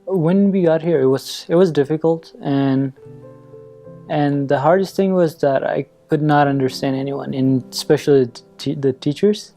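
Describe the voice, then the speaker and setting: Soft-spoken young student from Afghanistan. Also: male voice, on the high side, normal speed. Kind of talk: interview testimonial. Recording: soft music bed underneath.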